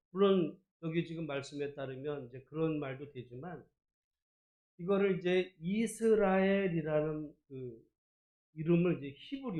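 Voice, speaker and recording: Male pastor, high voice, chatty sermon full of rhetorical questions, echoey church hall. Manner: conversational preaching with rhetorical questions, swings from soft to loud. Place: church sanctuary.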